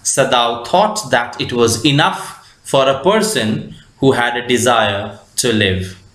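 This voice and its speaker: A man with an Indian English accent reading a story aloud and explaining it as a teacher, with slow, deliberate phrasing and frequent fillers. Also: medium pitch, a bit bright, echoey room.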